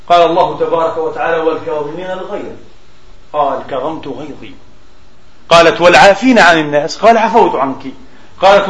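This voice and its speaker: High-voiced preacher in an echoey hall. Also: male voice, a bit bright. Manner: slow emphatic recitation of quotes, explanatory asides. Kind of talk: Friday sermon.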